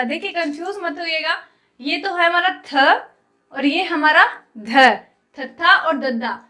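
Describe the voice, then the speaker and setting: In an online Punjabi script lesson, a woman with a high, bright, forceful voice calls her viewers "guys" and patiently walks through each letter step by step as she writes it.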